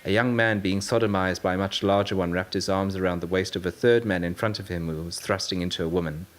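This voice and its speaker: A man narrating an audiobook story in a steady, measured way. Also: low voice. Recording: narration over loud music.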